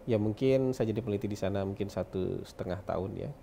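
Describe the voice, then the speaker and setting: A man in his forties from West Sumatra, a political consultant, speaks Indonesian with a Minangkabau tinge in a relaxed interview. His voice is lowish and mellow with vocal fry, and he talks quickly. He's reflective, chuckles often, and slips in English words, while a faint hiss or hum sits in the background.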